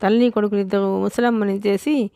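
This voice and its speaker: A woman's voice: medium pitch, fairly even intonation, fairly quick, warm tone, clear, resonant tone, dry recording, clean studio sound, natural voice. A woman reading the part of a fretful, scolding old grandmother in an audiobook, complaining and grumbling.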